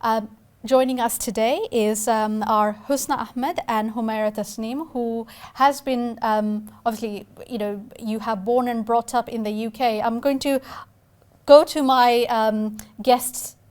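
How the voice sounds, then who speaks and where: Halting woman hosting a TV talk show. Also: a little high, fairly even intonation, a little mellow. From Bangladesh. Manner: hesitant, many fillers and restarts. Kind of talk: hosting a TV discussion.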